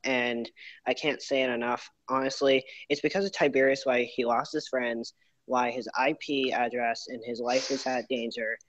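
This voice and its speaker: A man's voice: medium pitch, level tone, normal speed, a bit bright. A man speaking earnestly in a rambling way, with many fillers, his voice echoing around a home garage. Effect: echoey garage sound. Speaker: YouTuber. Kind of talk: group apology video. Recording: dull lo-fi echoey garage.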